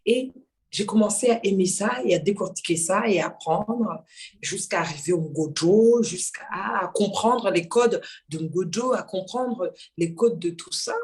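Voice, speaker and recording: Lively storytelling woman from Mayotte. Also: mid-range voice, a little slow. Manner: lively, laughing, acts out dialogue. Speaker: guest singer. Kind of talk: casual storytelling interview.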